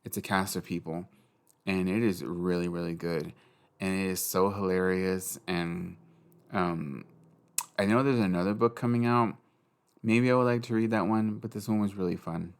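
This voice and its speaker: A man's voice: low-pitched, fairly even intonation, moderate pace, clean tone. A young man hosting a casual solo podcast, rambling and giggly, swearing freely. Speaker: podcast host.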